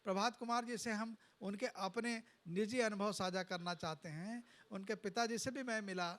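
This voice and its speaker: A man's voice: sits high, moderate pace, fairly bright tone. A man moderating a panel, courteously introducing the guest. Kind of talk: formal introduction.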